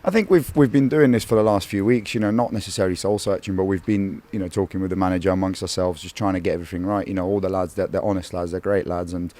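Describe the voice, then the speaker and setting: A man's voice: low-pitched, fast talker, few pauses, dark tone. A man in his thirties, a goalkeeper in a post-match interview, talking earnestly with many fillers and repeated words.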